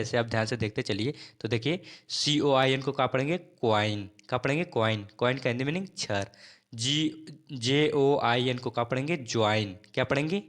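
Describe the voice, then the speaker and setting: A man's voice: mid-range voice, a bit bright. A man teaching English spelling and pronunciation, who spells each word out letter by letter and repeats it as a drill.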